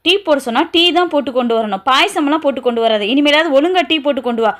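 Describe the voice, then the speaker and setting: A woman's voice: high voice, rapid-fire, a bit bright. A woman playing a harsh scolding stepmother. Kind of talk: amateur family drama.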